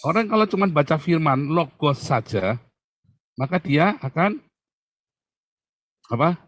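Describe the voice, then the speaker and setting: A man's voice: fairly high pitch, expressive, a little slow, no room sound, clean studio sound. A male pastor answering a Bible question, teaching through emphatic questions he puts to his listener.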